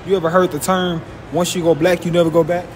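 A man's voice: high-pitched, level tone, fast talker. A man running a casual street interview, teasing and slangy, laughing often, outdoors with traffic noise.

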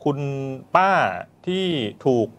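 A man's voice: slow pace, a bit bright. A man hosting a news show, recapping a story in a casual, conversational way and reacting to his co-host.

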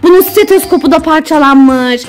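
A woman's voice: high-pitched, moderate pace. A woman, a mother, narrating her children's doctor play in a coaxing, teasing way. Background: background music.

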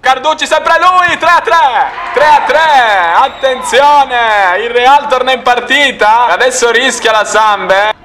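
Breathless, high-pitched man calling football goals. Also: slow, a faint crowd, a little hiss or hum. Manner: breathless, excitable, shouting calls. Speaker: football match commentator. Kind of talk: excited Italian goal commentary.

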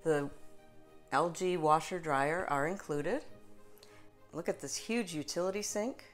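A woman's voice: low voice, a little slow, soft background music. A middle-aged woman, a real estate agent, walking through a house and pointing out its features in an upbeat, salesy way, filming on a handheld phone. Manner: upbeat salesy tour guiding. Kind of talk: home tour walkthrough. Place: inside a house, then a kitchen. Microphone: phone camera, held at arm's length.

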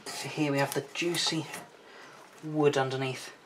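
A man's voice: mid-range voice, flat delivery, unhurried, background noise. A man hosting a casual woodworking how-to. He is chatty and self-deprecating, and he explains each step as he works in his home workshop. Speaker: woodworking video host.

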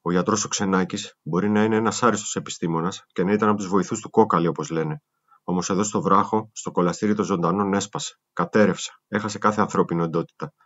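A man reading a first-person memoir aloud in a steady, grave storytelling manner. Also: low voice. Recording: muffled lo-fi recording.

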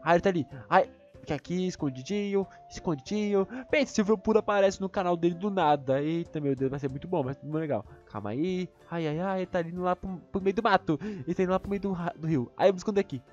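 A man with a Brazilian Portuguese accent giving excited gameplay commentary, prone to high squealing outbursts. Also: quick pace, muffled recording, soft background music. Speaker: gaming video creator.

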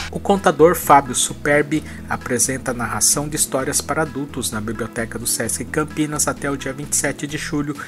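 Upbeat Brazilian male web show host. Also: medium pitch. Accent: Brazilian Portuguese. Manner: upbeat announcer reading event listings. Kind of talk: web show presenting, reading cultural listings. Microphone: headset mic.

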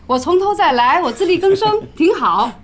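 An actress playing a plucky woman in a television drama who insists on standing on her own feet, speaking briskly and firmly. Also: extremely high pitch, big pitch swings. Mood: resolute. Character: plucky woman, stubbornly self-reliant. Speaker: laid-off woman starting over.

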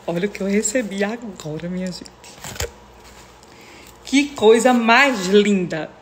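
A woman's voice: mid-range voice, slow pace, long pauses, noisy background. Chatty Northeastern Brazilian woman vlogger. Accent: Northeastern Brazilian Portuguese. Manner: emotional and chatty, keeps addressing viewers. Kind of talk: casual chat to followers. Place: at home.

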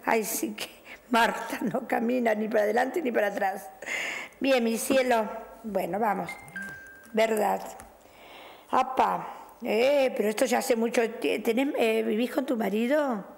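Gravelly Rioplatense woman reading tarot. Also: on the high side, unhurried. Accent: Rioplatense Spanish. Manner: affectionate, chatty, calls caller "mi cielo", "querida". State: recovering from losing her voice. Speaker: tarot reader hosting a show. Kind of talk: on-air fortune-telling reading.

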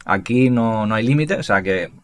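A man giving casual, excitable gameplay commentary, swearing freely and filling pauses with fillers. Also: fairly low pitch. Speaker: gaming youtuber.

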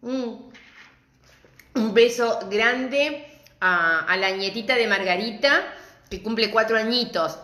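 Argentine woman, middle-aged, craft teacher, bright voice, chatty and affectionate, echoey room. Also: a little high, takes it slowly, pauses often. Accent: Argentine Spanish. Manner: chatty, affectionate greetings to viewers. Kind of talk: live-stream craft class.

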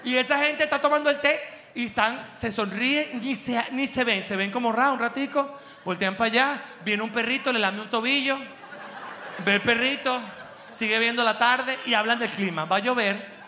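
A man delivering an animated, slangy comic monologue as host, mocking and laughing through his jokes. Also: extremely high pitch, normal speed. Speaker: comedian host. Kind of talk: stand-up style comic monologue. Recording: echoey room with long reverb.

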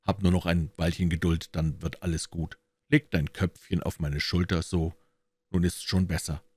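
A man voicing a starving, weary man near death, speaking gently and in a murmur. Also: low-pitched, little pitch movement, normal speed, breathy edge, dry recording. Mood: tender. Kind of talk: audiobook character voice.

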